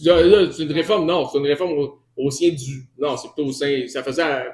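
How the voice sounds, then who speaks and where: A man's voice: a little high, fairly even intonation, moderate pace, darkish tone. A man with a Québécois accent giving a teaching sermon in a conversational way, often restarting and correcting himself and answering questions from the congregation. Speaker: preacher.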